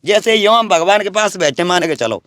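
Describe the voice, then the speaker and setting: Brief: man, very high voice, dry close sound, boastful preachy holy man. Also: lively intonation, moderate pace, fairly bright tone, dry recording. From Braj region, India. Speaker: wandering sadhu interviewed. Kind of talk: rambling spiritual talk.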